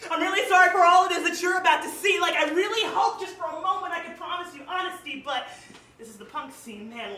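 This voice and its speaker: Her voice sitting high, bright, and forceful, a young Cleveland, Ohio woman delivers spoken word poetry in a small live music venue. She's emphatic and emotional, saying "like" a lot. Heard from a distance with roomy echo, the recording carries slight hiss or hum.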